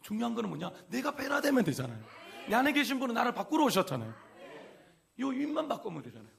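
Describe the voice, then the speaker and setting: A man's voice: very high voice, huge pitch swings, quick pace, vocal fry. A male pastor preaching a sermon in church, folksy and conversational, acting out everyday quotes. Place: church sanctuary.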